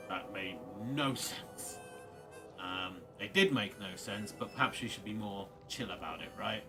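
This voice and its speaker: A man's voice: fairly low pitch, a little slow. A man giving casual, rambling commentary on a video game, with dry muttered asides to its characters. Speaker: gamer commentating on his playthrough. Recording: loud game music behind voice. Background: game music.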